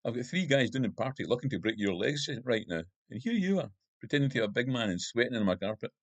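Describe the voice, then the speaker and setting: A man's voice: mid-range voice, sing-song, fast, no room sound, voice pushed up. A man voicing a drunk, belligerent, middle-aged Glasgow gangster with a Glaswegian accent and coarse, swearing speech. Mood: menacing. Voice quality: coarse, swearing, slurred by whiskey. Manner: belligerent and panicky.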